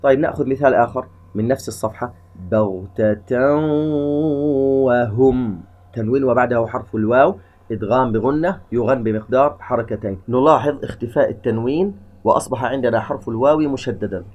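A man teaching Quran recitation rules step by step, explaining each rule methodically before drawing out the examples slowly. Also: mid-range voice, a little mellow. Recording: dull lo-fi recording.

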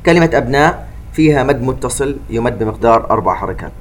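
A man teaching the rules of Quran recitation in a calm, methodical, step-by-step way. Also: mid-range voice, fast talker, slight background noise. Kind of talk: tajweed lesson, explaining rules between recited verses.

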